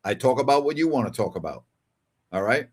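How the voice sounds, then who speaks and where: An older man hosts a casual sports call-in show, reading listener messages in a husky, medium-pitched voice. He talks fairly quickly and very animatedly, conversational and emphatic, repeating phrases to drive points home.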